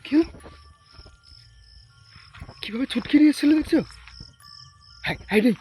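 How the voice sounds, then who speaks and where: This vlogger's voice is very high yet darkish in tone, with lively intonation and a moderate pace, and soft music runs underneath. Out ghost hunting on camera, he addresses viewers like friends, startling with frightened exclamations and calling for his mother again and again.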